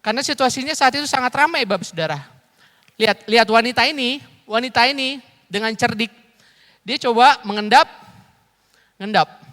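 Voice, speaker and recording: Very high-pitched and sharp, this evangelist in his thirties speaks at a normal speed yet leaves long pauses. During a church service he gives a lively, interactive sermon, joking, chatting and calling out questions to the congregation, all captured with live hall reverb from the sanctuary.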